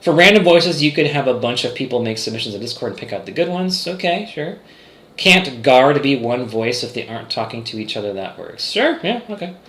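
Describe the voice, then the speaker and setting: Rambling man streaming, bright echoey voice. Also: medium pitch, big pitch swings, brisk. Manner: rambling, many fillers and restarts. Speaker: game developer streamer. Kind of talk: casual livestream chat reading chat.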